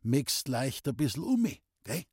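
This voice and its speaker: A man's voice: medium pitch, big pitch swings, a little slow, a little mellow, breathy edge, dry recording, clean studio sound. A man voicing a weak, bedridden old man with a Bavarian accent, speaking faintly in an audiobook. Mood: weak, pleading. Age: older. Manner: faint, whispering.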